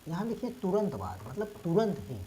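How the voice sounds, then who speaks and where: A woman teacher who is unwell and coughs now and then, explaining reading rules step by step, spelling letters out slowly and asking and answering her own questions. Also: on the low side, sing-song, dark tone, slight background noise, low-quality recording. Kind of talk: English reading lesson taught in Hindi.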